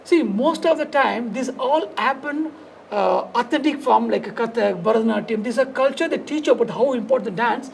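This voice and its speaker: South indian guy, super gravelly voice, chatting in fragmented repetitive sentences, bit of background noise. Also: very high-pitched, moderate pace. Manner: fragmented, loosely structured phrasing with repetition. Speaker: dance studio founder and teacher, podcast guest. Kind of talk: conversational interview storytelling.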